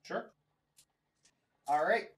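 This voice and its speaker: A man narrating a tabletop game casually as game master, halting and repeating his phrases. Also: a bit bright, far from the mic. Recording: roomy echo, off the mic.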